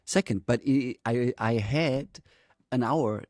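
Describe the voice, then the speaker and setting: A man co-hosting a podcast, telling a story in animated casual chat. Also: mid-range voice, takes it slowly, dry recording, studio quality. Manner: animated, anecdotal. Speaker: podcast co-host.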